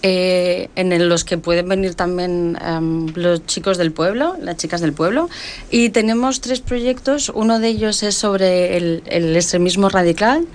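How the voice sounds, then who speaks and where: A woman's voice: fairly low pitch, measured pace. A woman speaking as an interview guest, casually explaining as an organiser. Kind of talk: casual radio interview, explaining local projects.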